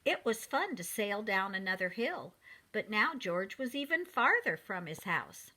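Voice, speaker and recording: Her voice medium in pitch, a woman reads a picture book aloud to young children, expressive and deliberate as she talks straight to them.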